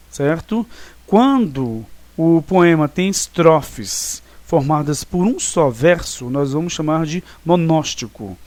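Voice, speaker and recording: Man, teacher, recorded class, step-by-step explaining, slightly high voice, dry close sound. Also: a little mellow, dry recording. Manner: explanatory, with frequent checking tags.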